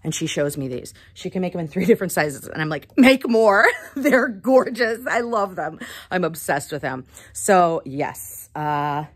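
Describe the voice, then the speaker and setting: A woman in her thirties talks on a lapel mic in a small indoor shop room. She is bubbly and chatty in a casual vlog and laughs often. Her voice sits on the low side. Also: expressive, unhurried, breathy edge. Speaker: yarn shop owner and vlogger. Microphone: clip-on lapel mic.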